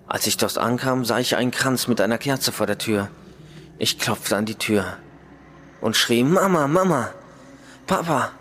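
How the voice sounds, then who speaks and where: A man reads a first-person ghost story aloud, pacing it slowly and dramatically. His voice sits at a middle pitch, and a faint ambient noise runs underneath. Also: fairly bright tone. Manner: slow, measured, dramatic storytelling. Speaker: story reader.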